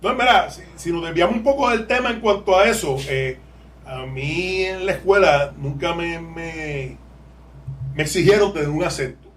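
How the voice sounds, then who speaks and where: A Puerto Rican man speaks as a lawyer guest in a podcast interview, his voice set a touch high. He talks candidly and wanders off on tangents, laughing as he makes his points. The mic sits somewhat far from him, with a faint hiss underneath. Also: expressive, moderate pace. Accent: Puerto Rican Spanish. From Puerto Rico. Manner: candid, digressive, laughs while explaining. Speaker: lawyer and legal aid board president, guest.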